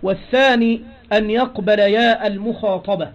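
Man, Egyptian Arabic accent, grammar teacher, quizzes listeners, explains step by step, high voice, muffled lo-fi sound. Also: steady tone, moderate pace. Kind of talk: grammar lesson.

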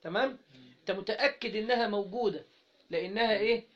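Captured in a dull, lo-fi recording, this Egyptian-accented teacher's voice sits high as he leads an interactive Arabic grammar lesson. He has students finish his sentences and draws out sample words at a slow pace.

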